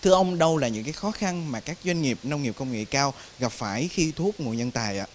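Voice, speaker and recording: A man's voice: medium pitch, animated, a little fast, slight background noise. Young male reporter, polite and formal. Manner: polite, formal questioning with fillers. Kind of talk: news interview questions.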